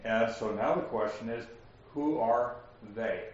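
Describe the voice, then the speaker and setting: Slow-talking man teaching Bible class. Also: mid-range voice, a little hiss or hum. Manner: slow, explanatory, asks the class questions. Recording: echoey room, distant lo-fi mic.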